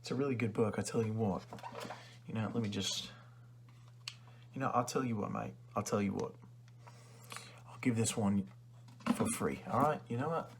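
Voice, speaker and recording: A man's voice: on the low side, normal speed, pauses often, noisy background, lightly acted. A man playing a rude, condescending librarian who sells used books, in an ASMR role-play with chummy but insulting salesman-like patter. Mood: casual, pitching. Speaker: ASMR performer.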